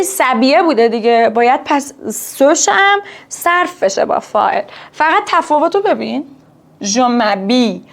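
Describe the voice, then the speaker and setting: A woman teaching French to Persian speakers in a casual, direct way, who explains patiently and conjugates verbs slowly and clearly. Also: sits high. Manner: addresses learners directly and informally. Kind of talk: online language lesson.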